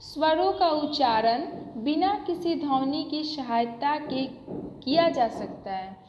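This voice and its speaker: Lady teacher going slow for little kids, kinda high voice, echoey muffled room. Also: expressive, noisy background. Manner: patient, repetitive, addresses children directly. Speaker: school teacher. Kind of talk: explaining a grammar lesson to children. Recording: echoey room, dull lo-fi sound.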